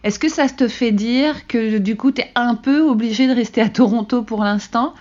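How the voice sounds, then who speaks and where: A woman's voice: a little high, moderate pace, darkish tone. Podcast host woman, slightly muffled. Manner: long, searching questions with fillers. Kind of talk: podcast interview.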